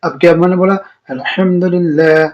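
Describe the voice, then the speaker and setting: A male Quran teacher giving a beginner lesson on the Arabic alphabet, explaining step by step and drawing out each letter slowly. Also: fairly high pitch, steady tone, darkish tone. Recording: dull lo-fi recording.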